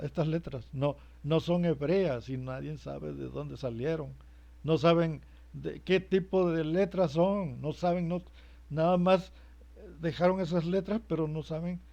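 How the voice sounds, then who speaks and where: Hesitant man preaching, mellow voice. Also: on the high side. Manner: hesitant, repeats words, rhetorical questions. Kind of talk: sermon-style religious teaching. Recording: muffled lo-fi recording.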